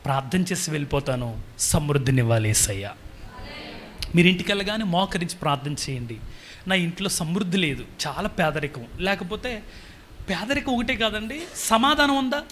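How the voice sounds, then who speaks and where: A man with a Telugu accent preaching a sermon, leading the congregation into loud, fervent prayer. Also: a little high, expressive, normal speed, pauses often, a little hiss or hum. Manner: fervent, rising to shouted prayer. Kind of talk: sermon with altar call.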